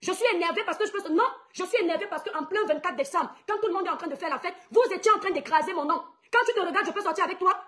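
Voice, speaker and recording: A woman's voice: very high-pitched, racing, few pauses, a bit bright. A young woman from Cameroon, a blogger, ranting indignantly at her followers, mocking her rivals and repeating her points for emphasis. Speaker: online blogger. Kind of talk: angry rant to followers.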